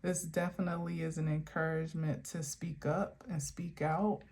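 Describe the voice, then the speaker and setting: In an outdoor garden, a spiritual tarot reader reads affirmation cards for a casual vlog, musing aloud and often restarting or correcting herself. Her voice is deep, darkish and flat at a normal pace, with slight background noise.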